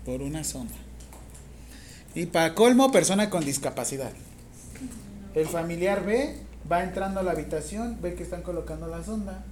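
A woman with a Mexican accent teaching a classroom of nursing students, lively and teasing, asking them questions directly. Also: lowish voice, moderate pace, pauses often, slight background noise. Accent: Mexican Spanish. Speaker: nursing instructor. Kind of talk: classroom lecture.

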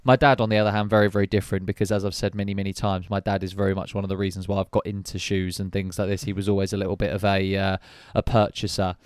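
A man's voice: deep voice, level tone, rapid-fire, hardly any pauses, clean tone, dry recording, studio quality. A young man co-hosting a podcast, chatting casually and rambling with fillers. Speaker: podcast co-host. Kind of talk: casual chat.

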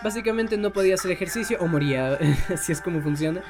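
A man's voice: high voice, animated, quick pace, over music. Swearing young man telling a story. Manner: profane, laughs often while telling. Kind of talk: casual storytime monologue.

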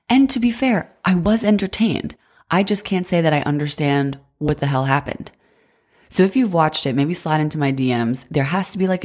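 A congested, sick woman in her twenties runs a casual solo podcast, her deep voice a little mellow but nasal. She rambles in a chatty way, sprinkling "like" throughout.

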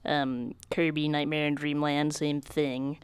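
A young woman chatting casually about games, talkative and quick, laughing often and filling with "like". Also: low-pitched, little pitch movement, clear, resonant tone, dry recording.

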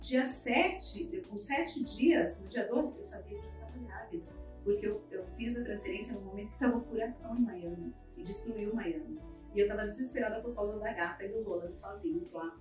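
Speaking fairly quickly in a mid-range voice, a woman recounts a personal story as a podcast guest and vividly voices each character's dialogue. Faint music plays behind her, and the distant mic gives a roomy sound.

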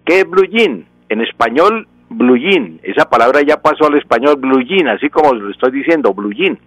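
A man's voice: mid-range voice, lively intonation, brisk, a bit bright, no room sound, faint music behind, rough recording. A man from Colombia, a professor explaining language on a radio talk show in a didactic way, with frequent restarts and examples. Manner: didactic, gives examples, frequent self-corrections.

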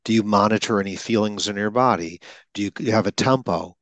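Brisk and fairly low-pitched, the man talks with no room sound as he interviews a guest on stuttering. He's a stuttering speech coach, and the coaching chat is emphatic, packed with vivid examples he performs aloud.

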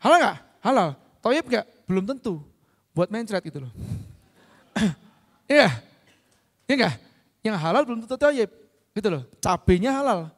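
A middle-aged man giving a motivational business talk, often asking his listeners whether they understand and clearing his throat. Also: high voice. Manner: checks understanding with frequent tag questions. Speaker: business speaker. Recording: long hall reverb.

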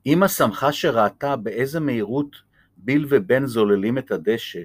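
A man's voice: medium pitch, animated, no echo. Man reading a children's story aloud.

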